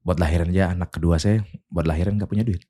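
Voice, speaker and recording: A man from Indonesia tells his life story in a relaxed interview. His voice is low and dark. He shifts into the voices of the people he quotes as he goes. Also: fast, slightly rough. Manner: lively storyteller, voices quotes, laughs while telling. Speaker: guest, clothing business owner.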